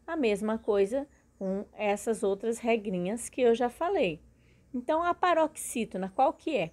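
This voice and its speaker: A woman teaching a recorded grammar lesson, explaining slowly and splitting words into syllables, often checking in with her students. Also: on the high side, darkish tone.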